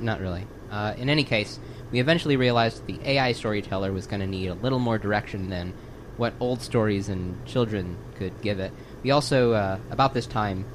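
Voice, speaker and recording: A man playing an exasperated, self-important software developer, halting and pedantic. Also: lowish voice, background noise, close to an everyday voice. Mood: dry, explanatory.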